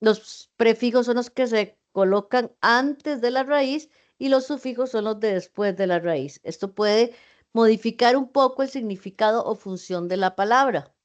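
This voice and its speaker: A woman's voice: a little high, normal speed, lo-fi sound. A middle-aged woman lecturing in an online class, explaining in a conversational way with fillers and asides, heard over a video call. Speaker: university teacher.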